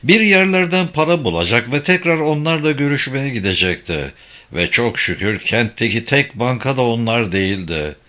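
A man narrating a novel aloud in a measured, steady reading. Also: mid-range voice. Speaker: audiobook narrator.

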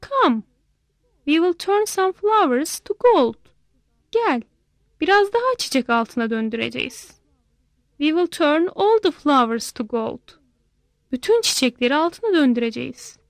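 A woman reading aloud plays a greedy king who loves gold, soothing his child in a gentle, unhurried way. Her voice sits high and the story moves at a very slow pace. The sound is close and completely dry. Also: big pitch swings, no echo, full character voice. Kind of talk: bilingual read-aloud story.

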